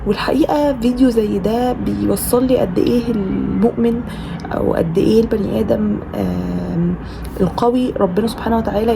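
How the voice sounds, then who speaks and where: Egyptian woman vlogger, quick and gravelly, earnest commentary over a noisy background. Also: a little high. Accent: Egyptian Arabic. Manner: earnest, repeats herself while searching for words. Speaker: video blogger. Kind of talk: reflective commentary.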